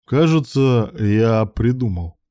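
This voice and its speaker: A man's voice: medium pitch, lively intonation, slow, mellow, no echo. A man voicing a drunk, sneering young man. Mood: mocking. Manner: sneering, sarcastic.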